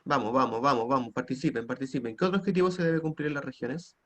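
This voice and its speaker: A man with a Chilean Spanish accent teaches an online class, often nudging students with tag questions. His medium-pitched voice is a bit bright, and he talks fast. The sound comes through a computer mic on a video call.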